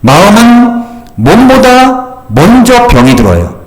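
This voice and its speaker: A man's voice: sits high, wildly swooping pitch, slow pace. An older man in his sixties, a pastor preaching a sermon with emphatic, rhetorical questions. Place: church sanctuary. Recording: echoey church hall.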